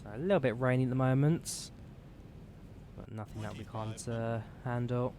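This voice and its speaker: A man's voice: normal speed, warm tone. A man giving casual gameplay commentary, talking through his actions and checklists as he flies a simulator. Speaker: flight simulator player. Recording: faint engine rumble behind.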